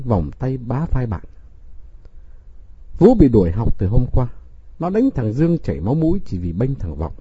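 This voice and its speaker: A man reading a novel aloud as narrator, in an expressive storybook manner. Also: mid-range voice, a little hiss or hum. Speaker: audiobook narrator. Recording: dull, dry lo-fi recording.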